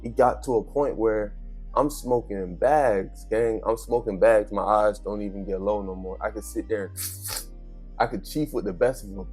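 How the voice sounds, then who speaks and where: A man in his thirties, a vlogger, delivers an unscripted motivational monologue in street slang, speaking emphatically, addressing the listener directly, and repeating phrases to drive them home. His voice is fairly low, darkish, and slightly rough at normal speed, with soft music behind him.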